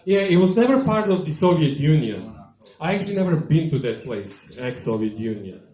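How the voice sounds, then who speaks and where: A man from former Yugoslavia with a Yugoslav accent doing a live stand-up set on a small tavern stage, delivering dry, deadpan one-liners into a handheld mic. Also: a little high, a little fast. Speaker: stand-up comedian. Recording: echoey live bar room.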